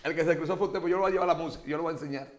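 A man's voice: a little high, racing, roomy sound. A man with a Dominican accent hosting a political talk show, speaking emphatically and in a preachy, teasing way. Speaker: host.

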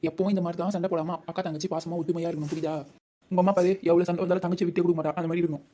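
This is a voice actor playing a sheepish father in a cartoon, speaking. His voice is dark and mellow, and the lines come out quickly. He coaxes and pleads softly rather than commanding. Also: mid-range voice, little pitch movement, close to an everyday voice. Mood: gentle. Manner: coaxing, pleading. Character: sheepish village father, coaxing and soft-spoken. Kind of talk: cartoon voice acting.

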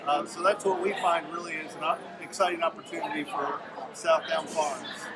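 A man with a high voice talks about his small farm in a steady, businesslike way. A loud crowd fills the large community hall around him. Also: moderate pace. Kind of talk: short interview comment.

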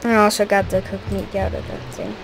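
A woman casually commenting on her own gameplay, mostly muttering and grumbling to herself, sometimes breaking into loud shouts. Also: medium pitch, animated, brisk. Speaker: gaming YouTuber. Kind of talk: casual let's-play commentary. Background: clear music.

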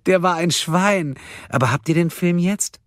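A man's voice: unhurried, no room sound, studio quality. Man doing a giggling deranged kidnapper woman. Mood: gleeful menace. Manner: high shrill giggling, sing-song menace. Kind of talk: audiobook character voice.

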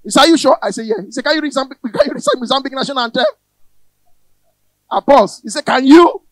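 A man with a Nigerian accent works a live cinema crowd in Pidgin and English. His voice sits very high and swings widely in pitch as he shouts his punchlines. The mic sound is dry and close, with a faint crowd behind him. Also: animated, fast, dry recording. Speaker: stand-up comedian. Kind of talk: stand-up comedy in Pidgin and English. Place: cinema hall stage with a live audience. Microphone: handheld mic. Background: audience laughter.

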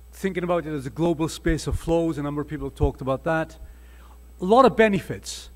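Lecturing emphatically and earnestly, with some restarts, a husky older Welsh man speaks on a conference panel with slides. He talks into a table microphone at the panel table, in a voice on the high side with a darkish tone.

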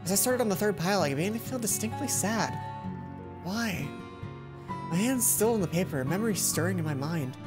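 A young adult woman with a medium-pitched voice reads a visual novel aloud for a let's play, her intonation lively and her pace brisk. She speaks through a headset from a seat at her computer indoors, over background game music.

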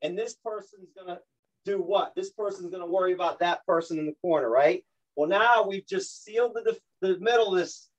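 A man with a New York accent, a basketball coach walking through zone offense plays on a video call, animated and joking, often repeating words as he talks. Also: sits high, fairly quick, poor audio. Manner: animated, repeats words, self-deprecating jokes. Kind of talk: coaching clinic explanation.

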